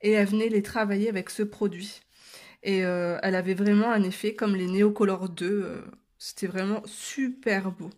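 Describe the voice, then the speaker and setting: A woman with an ordinary mid-range voice walks viewers through a coloring demonstration. She speaks casually and hesitantly, filling gaps with pauses, then drifts into friendly asides. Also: mid-range voice, steady tone, a little mellow. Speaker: coloring tutorial creator.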